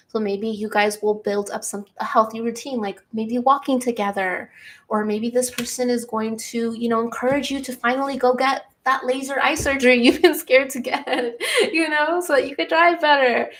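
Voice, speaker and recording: Young woman tarot reader with a highish voice, bubbly and earnest, laughs easily and hammers home her points. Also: normal speed. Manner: giddy and excitable, breaking into laughs; earnest, repeats key lines for emphasis. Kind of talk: collective tarot reading to camera.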